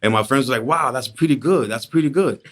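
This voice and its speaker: Guesting on a podcast, the Dominican painter shares childhood stories at a quick pace in a mid-range voice. The middle-aged man stays relaxed and reflective throughout this casual, story-driven interview.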